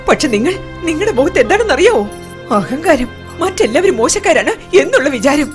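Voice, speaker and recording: A defiant, sharp-tongued middle-aged wife. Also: female voice, high voice. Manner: cutting, defiant. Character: indignant middle-aged wife confronting her proud husband. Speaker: wife and mother. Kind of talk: dubbed film acting.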